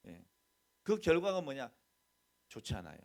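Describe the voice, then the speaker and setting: A middle-aged man, the senior pastor, delivers a conversational sermon in a gravelly, slightly mellow mid-range voice with big pitch swings at normal speed. He repeatedly poses questions to the congregation and acts out quoted bits of dialogue, mixing plain talk with mock exchanges.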